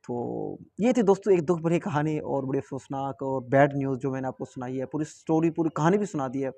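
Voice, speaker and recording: A young man from Pakistan, telling a story to camera in an animated way, repeating phrases and chuckling often. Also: mid-range voice, brisk, dry recording. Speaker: vlogger.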